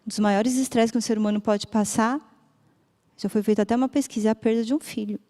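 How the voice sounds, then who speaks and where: Brief: Brazilian woman doctor, emotional church testimony, fairly high voice, long hall reverb. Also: fairly even intonation, fast, warm tone. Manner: emotional storytelling, rises and drops.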